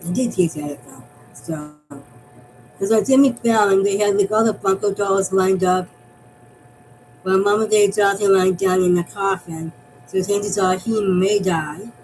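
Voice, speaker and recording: A woman's voice: medium pitch, fairly even intonation, measured pace, darkish tone, soft background music, rough recording. A woman from Massachusetts chatting casually about her fan theories, rambling and restarting her phrases as she goes. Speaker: fan vlogger.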